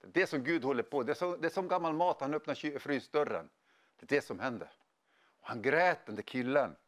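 A middle-aged man preaching a sermon, telling stories in an animated way with casual slang. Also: medium pitch. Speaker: pastor. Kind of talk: sermon with storytelling.

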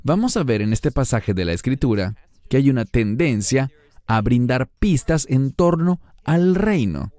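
A man teaching a Bible study lesson, explaining a passage verse by verse, slowing down on key words and putting questions to the listener. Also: mid-range voice, animated, warm tone, no room sound.

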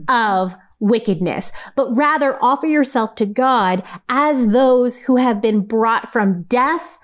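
A woman's voice: on the high side, slow pace. A woman co-hosting a Bible program, reading verses aloud and explaining them in an earnest teaching way. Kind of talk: scripture reading and discussion.

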